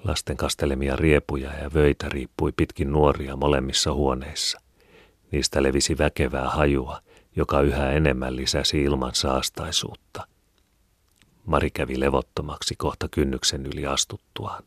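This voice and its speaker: A man reading a classic novel aloud in a measured, even storytelling manner. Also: extremely low pitch, no room sound, studio quality. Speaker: audiobook reader. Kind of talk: scripted narration.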